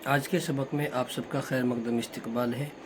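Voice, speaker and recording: A man's voice: medium pitch, fairly even intonation, moderate pace, background noise. A man who teaches Arabic, giving a formal, polite introduction to a religious lesson. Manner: formal, polite address to viewers.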